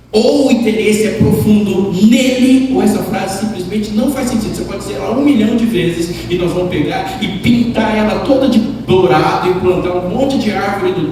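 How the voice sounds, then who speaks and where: A man preaching a sermon, emphatic and dramatic, moving between loud declarations and hushed near-whispers, putting questions straight to the congregation. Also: sits high, slight background noise. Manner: asks the congregation direct questions. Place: large church hall. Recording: echoey hall recording from far off.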